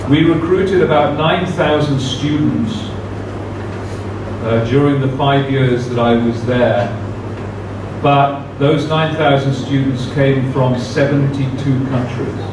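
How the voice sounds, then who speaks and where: A man gives a formal conference talk as a guest speaker in a university seminar room, speaking slowly and carefully in a mid-range voice with frequent "uh" fillers. He's recorded from a distant mic in a very echoey room with background noise.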